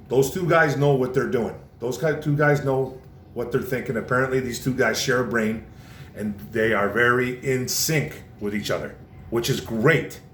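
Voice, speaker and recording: A man vlogs a heated, casual sports rant, repeating himself for emphasis and dropping "man" at the ends of lines. His pitch sits in an ordinary middle range. The room gives back a noticeable echo, with a faint low rumble underneath. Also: a bit bright. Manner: passionate, repetitive, says "man" often. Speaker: vlogger.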